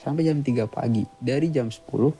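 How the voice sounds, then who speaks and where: A man talking as a podcast guest, retelling an eerie experience in halting, plain speech with short, clipped sentences. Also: medium pitch, warm tone, faint music behind, rough recording. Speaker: guest storyteller, author. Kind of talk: casual spoken retelling of a ghost story.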